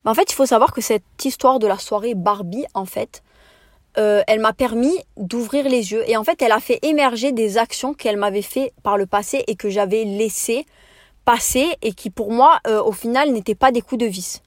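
A young woman hosting a podcast, telling a personal story in an animated, indignant way with slangy asides. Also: fairly high pitch, moderate pace, no room sound, studio quality. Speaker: podcast host. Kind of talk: casual storytime monologue.

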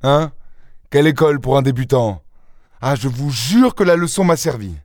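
A man voicing a proud, quick-tempered young gentleman burglar in an audiobook, speaking in a scornful, theatrical way. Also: medium pitch, lively intonation, dry recording, clean studio sound, close to an everyday voice. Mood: mocking. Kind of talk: audiobook character reading.

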